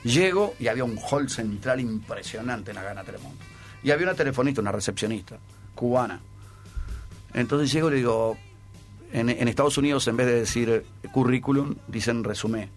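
A man's voice: mid-range voice, brisk, soft background music. An older man with a Rioplatense accent, a former sports broadcaster, telling anecdotes casually in a radio interview and often repeating words as he searches for the next one. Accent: Rioplatense Spanish.

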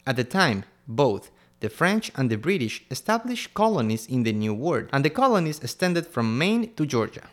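Lively man. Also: mid-range voice, moderate pace. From Ecuador. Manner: reads history facts in turns with small grammar slips. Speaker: co-host. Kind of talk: scripted educational podcast.

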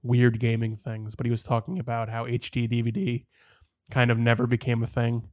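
A man's voice: mid-range voice, monotone, brisk, no echo, clean studio sound. A man co-hosting a casual podcast chat, wry and dismissive as he talks about movies. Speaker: podcast co-host.

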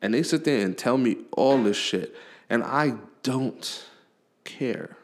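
A man's voice: mid-range voice, animated, slow. A man hosting a podcast, talking in a blunt, profane, casual rant. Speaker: podcast host. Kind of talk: casual ranting monologue.

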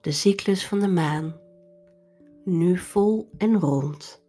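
A woman leading a guided meditation in a soft, breathy, soothing delivery over instrumental music. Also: on the low side, slow.

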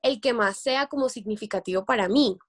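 A woman's voice: a little high, brisk. A young woman from Colombia's Caribbean coast, a guest chatting casually and acting out quotes. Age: young adult. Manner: chatty, quotes people in lively voices. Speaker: guest, content creator. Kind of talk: casual interview chat.

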